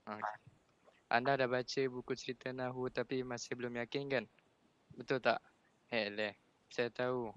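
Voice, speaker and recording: A man's voice: mid-range voice, flat delivery, normal speed, a bit bright, clean tone. A man with a Malaysian accent, a student reading a text aloud in an online class. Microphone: video call mic. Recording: dull lo-fi call audio.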